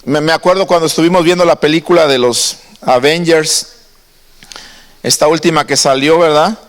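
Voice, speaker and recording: A man preaches in a high, bright voice, and a long reverb trails behind each phrase. He keeps it conversational and turns to the congregation with questions. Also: normal speed. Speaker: pastor. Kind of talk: sermon. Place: church.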